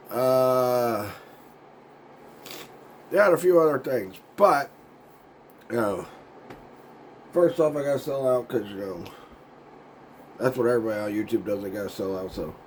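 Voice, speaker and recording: Chatting loosely on his own YouTube show, a man sounds raspy and hoarse from a sinus cold. His medium-pitched voice has lively intonation, an unhurried pace, and frequent pauses over a little hiss or hum; he meanders, loses his words, and chuckles a lot in this casual vlog ramble.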